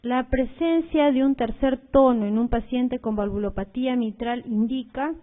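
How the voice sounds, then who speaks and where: Female medical lecturer, fairly high voice, talks through slides with fillers and repetition, phone-quality audio. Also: moderate pace. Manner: explanatory, uses fillers like "este" and "eh"; repeats key points, addresses students directly. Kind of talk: recorded cardiology lecture over slides.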